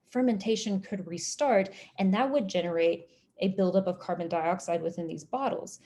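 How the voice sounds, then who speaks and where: A woman from Oklahoma with an American accent lecturing on history in a measured, explanatory way with deliberate phrasing. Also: medium pitch, dark tone. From Oklahoma, United States.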